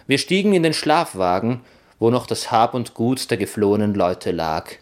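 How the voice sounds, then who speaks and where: A man reading a children's adventure story aloud in first person, with expressive, playful delivery. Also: mid-range voice, normal speed. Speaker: narrator.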